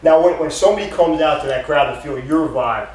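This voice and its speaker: A male host runs a casual interview, firing upbeat, direct questions. His voice sits a little high for a man. The sound is roomy and distant, with clear background noise. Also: fairly quick. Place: theater. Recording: echoey, distant, noisy theater recording.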